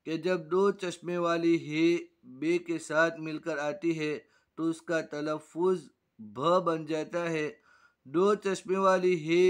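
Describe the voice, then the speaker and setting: Male teacher, fairly high voice, slow and drilling, repeats every word. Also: clean tone. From Gujarat, India. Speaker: Urdu teacher. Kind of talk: reading-primer lesson.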